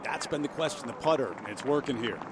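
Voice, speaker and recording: A man's voice: medium pitch, animated, fast, crowd noise. A man giving live play-by-play as a golf commentator. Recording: clearly noisy outdoor broadcast.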